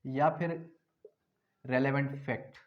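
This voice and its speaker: In a slow, mid-range voice with fairly even intonation, a Pakistani-accented man delivers an explanatory law lecture, reading legal articles and explaining them. His teaching style is didactic, with repeated key phrases, and the recording is dull and lo-fi.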